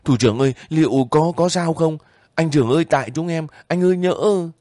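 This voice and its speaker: Frantic young soldiers voiced by a male reader, high strained shouts, dry close sound. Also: lively intonation, fairly quick, no echo, lightly acted. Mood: pleading.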